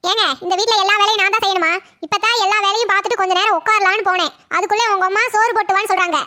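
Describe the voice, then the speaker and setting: A woman voicing a bossy, complaining young wife in a cartoon comedy, talking fast and nagging. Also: very high-pitched, steady tone, bright, forceful tone. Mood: irritated.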